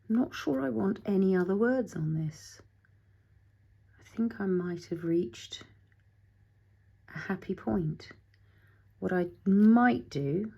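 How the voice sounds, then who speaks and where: A woman's voice: on the low side, vocal fry, dark tone, husky. A middle-aged woman hosting a casual craft tutorial, chatting as she works, thinking aloud and talking to her materials, sometimes dropping to a whisper.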